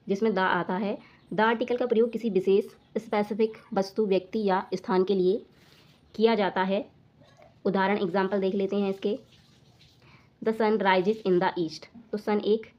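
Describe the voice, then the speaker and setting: A woman teaching a grammar lesson to children, repeating each point slowly and asking if it is clear. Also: medium pitch, lo-fi sound.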